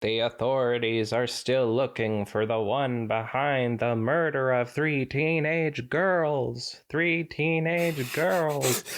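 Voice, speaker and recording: A man reading aloud and voicing a remembered radio news report as a distant flashback echo, slow and drawn out, repeating phrases as if echoing. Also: on the high side, pitched above the performer's own voice. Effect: distant flashback echo, done with the voice. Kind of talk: dramatic reading of a story.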